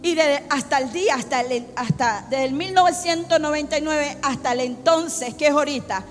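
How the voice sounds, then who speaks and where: A middle-aged woman pastor preaching a fervent sermon, rising into shouts at times. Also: high-pitched, moderate pace. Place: church sanctuary. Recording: long church reverb with faint music.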